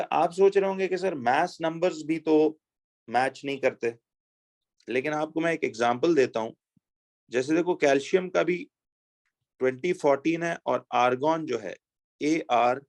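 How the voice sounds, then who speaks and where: A man teaching a chemistry lesson, reading exam questions slowly and explaining step by step with rhetorical questions to his pupils. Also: a little high.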